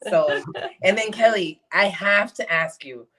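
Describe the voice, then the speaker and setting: A woman paranormal investigator chatting casually, animated as she tells stories and laughs often. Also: on the low side, measured pace, low-quality recording. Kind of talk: casual chat.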